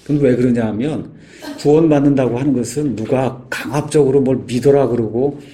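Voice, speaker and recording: A man giving an informal sermon, explaining patiently with frequent pauses and filler words. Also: medium pitch, dark tone. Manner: halting, many "ye" fillers, explanatory. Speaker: guest speaker.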